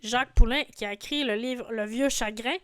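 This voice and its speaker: A woman's voice: fairly high pitch, normal speed, a bit bright, clean tone, dry recording, studio quality. A woman in her forties, a French teacher patiently explaining song lyrics and grammar, often checking in with "hein". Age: 40s. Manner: patient, didactic, frequent "hein" fillers.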